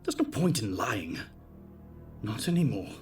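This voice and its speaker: A man's voice: fairly low pitch, very animated, measured pace, voice pushed up. A man voicing a sadistic, paranoid corrupt police chief in an audio drama, taunting and menacing, with music behind. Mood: cold interrogation.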